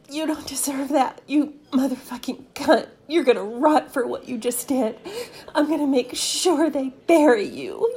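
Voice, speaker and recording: A woman's voice: high voice, darkish tone. A woman acting a frightened, cornered young woman who sobs, pleads and swears in a breathless, broken way. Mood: vengeful. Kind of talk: adult audio roleplay acting.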